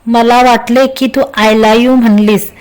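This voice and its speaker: A woman's voice: a little high, fairly even intonation, measured pace, a little mellow, natural voice. A woman voicing Abhay, a teasing young man. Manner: teasing and playful.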